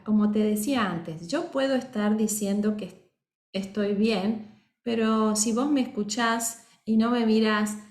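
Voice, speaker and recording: A woman gives a voice lesson, her voice sitting a little high. She explains step by step and keeps checking that her class is following along. The sound is roomy and reverberant. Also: a little mellow. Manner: explanatory, acts out example voices. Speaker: voice teacher. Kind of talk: course lecture.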